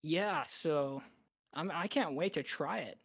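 Woman on a podcast, low voice, dry sound, lots of ums, real chill. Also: slow pace, breathy edge, no echo. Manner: relaxed, hesitant with many fillers. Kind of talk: casual chat.

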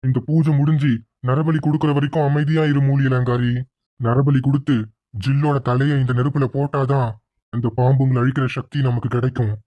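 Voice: medium pitch, flat delivery, dark tone, close to an everyday voice. A voice doing a sinister chanting guru sorcerer. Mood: menacing. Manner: slow, solemn chanting. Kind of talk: cartoon voice acting.

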